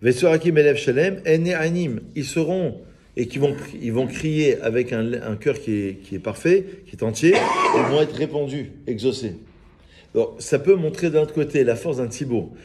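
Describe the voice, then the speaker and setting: A man, a rabbi giving an informal, lively Torah lesson and joking with his small group of listeners. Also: medium pitch, normal speed, a little hiss or hum. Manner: lively, teasing, chats with listeners. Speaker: rabbi teaching a class.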